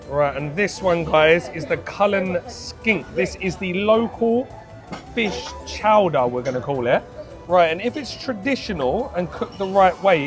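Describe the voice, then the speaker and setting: A man hosting a food vlog, talking casually to viewers as he presents. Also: high-pitched.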